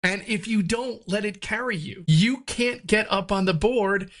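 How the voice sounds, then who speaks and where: A man's voice: high voice, measured pace, a bit bright. A man from New Jersey, a podcast guest talking candidly in a loose, rambling way, swearing freely. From New Jersey, United States. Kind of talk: candid conversational interview.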